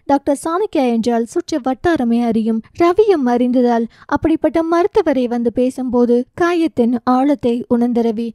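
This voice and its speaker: A woman narrating a romance novel as an audiobook, reading with expressive storytelling. Her voice is high and mellow, recorded close and dry with no room sound. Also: moderate pace, few pauses, no echo.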